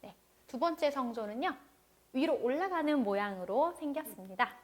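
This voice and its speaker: A woman teaching an online language lecture, patiently repeating each word slowly so learners can follow. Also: high voice, lively intonation.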